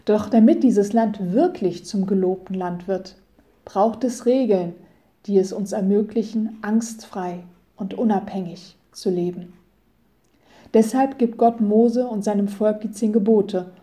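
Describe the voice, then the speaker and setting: Woman with a very warm, mellow voice. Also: medium pitch. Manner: calm, measured reading with solemn scripture quotes. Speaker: preacher. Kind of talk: scripted radio devotion.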